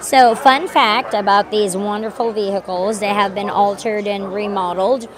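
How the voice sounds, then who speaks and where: A woman's voice: medium pitch, fairly even intonation, normal speed. A woman chatting casually and playfully on a live stream, in the manner of a vlogger out and about. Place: outdoors at a busy theme park. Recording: loud crowd noise outdoors.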